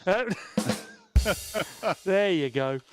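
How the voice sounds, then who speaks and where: A man's voice: high-pitched, lively intonation, very slow, soft background music. A man hosting a game stream, chatting casually and laughing often. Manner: giggly, chatty, bursts of laughter. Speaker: streamer host. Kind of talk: casual chat while gaming.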